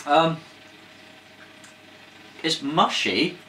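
A man's voice: a little high, lively intonation, very slow, bright, forceful tone. A man co-hosting a casual food taste-test, laid-back with dry jokes. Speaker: food review co-host. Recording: echoey room, faint noise.

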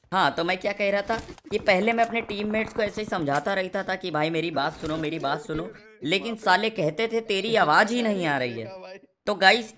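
A man's voice: high voice, bright, forceful tone. A young man streaming a game and doing sponsored commentary, with crude, rowdy, teasing banter. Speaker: gaming streamer.

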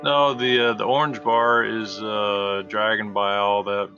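Low, bright-toned developer on voice chat. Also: male voice, unhurried, dull audio, soft background music. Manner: relaxed, explains game mechanics plainly. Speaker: game developer. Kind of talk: casual chat.

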